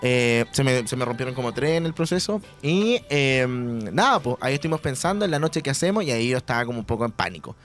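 A man's voice: mid-range voice, expressive, quick pace, hardly any pauses, fairly bright tone, soft background music. A young man with a Chilean accent, co-hosting a radio chat and telling a story animatedly, acting out the voices. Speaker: radio show co-host. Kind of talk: casual chat.

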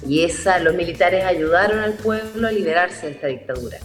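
Measured woman guest. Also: on the low side, animated, soft background music. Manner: measured, explanatory. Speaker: theatre guest. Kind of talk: interview.

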